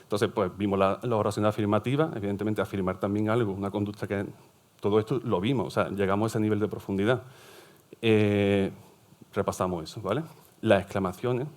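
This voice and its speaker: A man's voice: on the low side, fairly even intonation, brisk, a little mellow. A middle-aged man, a teacher and psychopedagogue giving an explanatory conference talk and checking in with his audience. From southern Spain. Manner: explanatory, often checks in with "¿vale?". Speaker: primary school teacher and psychopedagogue presenting at a forum.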